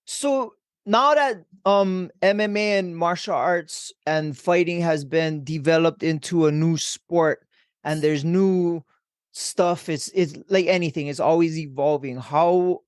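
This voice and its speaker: A man's voice: fairly high pitch, slow pace, clean tone, dry recording, clean studio sound. A man with a local Hawaiian accent hosting a casual interview, laid-back and slangy with lots of bro talk. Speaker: podcast host.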